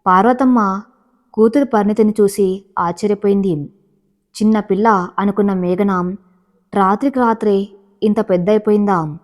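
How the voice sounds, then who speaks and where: Woman reading a romance story aloud, steady and even, middle pitch. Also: normal speed, pauses often. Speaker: narrator. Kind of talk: storybook narration.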